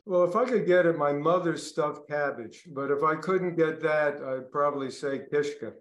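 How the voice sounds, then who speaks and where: An older man with a Brooklyn accent, a podcast guest speaking reflectively with pauses and restarts. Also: on the high side, echoey room. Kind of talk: podcast interview.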